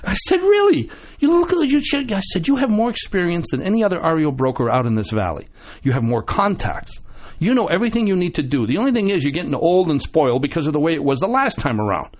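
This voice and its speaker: Man, radio guest, casual storytelling, animated, lots of restarts. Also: fairly high pitch, quick pace. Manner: animated storyteller, acts out quotes, many restarts.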